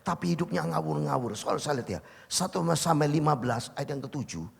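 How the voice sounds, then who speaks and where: An older man preaching a sermon as pastor, emphatic, swinging from loud exclamations to low murmurs, in a church hall. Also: animated, a little fast, gravelly, slightly rough. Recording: long church-hall reverb.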